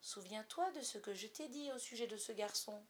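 A woman voicing a gentle, anxious mother who speaks softly and pleadingly, in a storybook reading. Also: a little high, normal speed, lightly acted. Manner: soft, pleading, tender.

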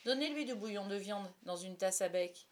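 A woman reading a storybook aloud, voicing an eager, slow-witted young boy who plays at being a doctor. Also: medium pitch, animated, a little hiss or hum, natural voice.

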